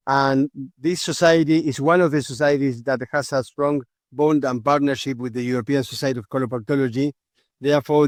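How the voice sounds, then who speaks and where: A man's voice: mid-range voice, a little mellow, no echo. Young male interviewer. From Argentina. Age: young adult. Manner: repetitive restarts, many fillers. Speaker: interviewer, surgeon. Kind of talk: interview questions.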